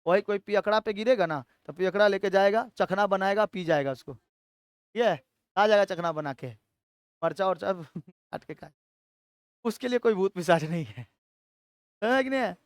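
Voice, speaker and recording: A man's voice: high-pitched, normal speed, pauses often, clear, resonant tone, no room sound, studio quality. A male teacher gives a history lecture. He keeps asking the class questions, answers them himself, and checks in with "theek hai" all the time.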